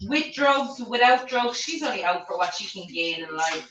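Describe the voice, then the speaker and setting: A woman co-hosting a casual commentary chat, emphatic and quick to swear. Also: medium pitch, lively intonation, fairly bright tone, a little hiss or hum. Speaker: co-host guest. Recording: dull lo-fi audio.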